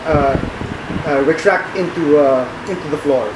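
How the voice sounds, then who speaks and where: A man with a slightly high voice narrates a tabletop game as game master. He speaks haltingly, feeling for each phrase. The recording is roomy and distant, with heavy noise behind him. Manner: halting, hesitant, searching for words. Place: echoey room. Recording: roomy, distant mic, loud background hum.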